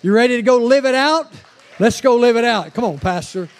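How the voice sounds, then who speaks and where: An older man preaching a sermon on a church stage with a handheld mic, animated and acting out the voices he quotes. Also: very high voice, fairly quick, some chatter behind. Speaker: guest preacher.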